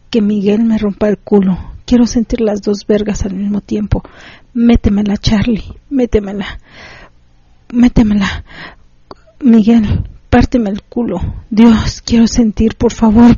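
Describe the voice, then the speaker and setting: Brief: woman reading as a breathy, pleading woman in an erotic story, loud. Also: on the high side, flat delivery, measured pace, dry recording, dull audio. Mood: moaning, pleading.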